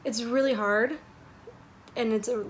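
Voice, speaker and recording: A young woman with a fairly high voice talks casually to her camera in a bedroom. Her delivery is conversational and chatty, like advice to younger students. There is clear background noise in the recording. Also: steady tone, unhurried. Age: 20s. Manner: conversational, peppered with "like" and "you know". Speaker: vlogger giving sorority recruitment advice. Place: small furnished bedroom, indoors.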